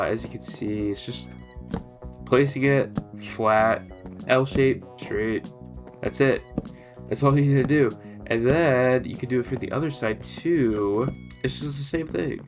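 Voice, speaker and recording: A gaming video creator with a lowish voice casually walks viewers through a building tutorial over gameplay, giving relaxed, chatty instructions. His nose sounds stuffy and congested from allergies.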